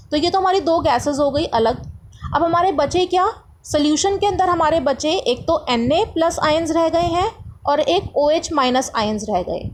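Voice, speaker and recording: A woman's voice: high voice, rough recording. A woman science tutor explaining a lesson step by step, asking rhetorical questions as she goes.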